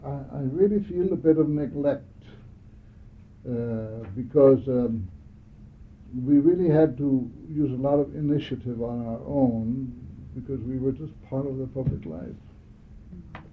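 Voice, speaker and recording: A man's voice: medium pitch, a little hiss or hum. Old guy telling childhood memories, lots of uhs, thin phone-like tape sound. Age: older. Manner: halting, frequent hesitations and restarts. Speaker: oral history interviewee. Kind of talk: reminiscing conversation.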